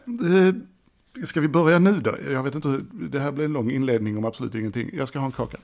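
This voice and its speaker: A middle-aged man talks alone into a desk microphone for his podcast. His voice has a gravelly edge and a middling pitch. He rambles cheerfully, jokes at his own expense and keeps restarting his sentences. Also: darkish tone. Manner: rambling, self-deprecating, chatty with many restarts. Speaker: podcast host. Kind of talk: casual solo podcast monologue. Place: indoors at a desk. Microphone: desk microphone by a computer.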